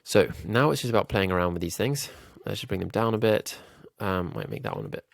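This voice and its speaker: A man's voice: low voice, wildly swooping pitch, fairly quick, gravelly, no echo, clean studio sound. A man with a nasal, slightly ill voice, thinking aloud with frequent ums while walking through a design tutorial. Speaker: YouTube growth coach. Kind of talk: screen-recorded design tutorial.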